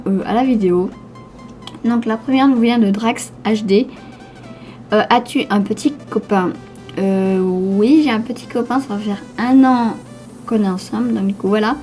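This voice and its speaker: A teenage girl with a slushy lisp on her s sounds, talking casually and haltingly as she answers questions in a vlog. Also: a little high, dark tone. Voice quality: slushy lisp from new dental brace. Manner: hesitant, stumbling over words. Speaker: YouTube gamer answering viewer questions.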